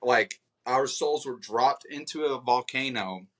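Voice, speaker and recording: Young male co-host, bright forceful tone, animated casual storyteller on a call. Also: medium pitch, measured pace. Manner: animated storytelling, mimics people he quotes. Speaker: podcast co-host. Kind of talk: casual chat. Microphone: video call.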